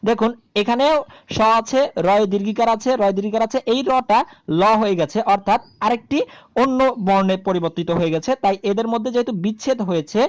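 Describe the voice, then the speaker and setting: A woman's voice: medium pitch, no echo. A woman teaching a grammar lesson, explaining step by step at a board and asking the class rhetorical questions.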